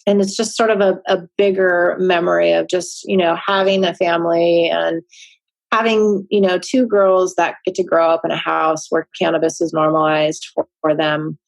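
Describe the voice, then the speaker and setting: A woman interviewed as a nurse practitioner, telling family stories in a casual, unhurried way, with many fillers and restarts. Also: fairly low pitch, little pitch movement, vocal fry, dry recording. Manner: warm storytelling with frequent fillers and restarts.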